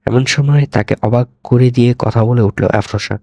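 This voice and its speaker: A man narrating a scripted horror story in a measured, dramatic reading. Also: medium pitch, mellow, no room sound.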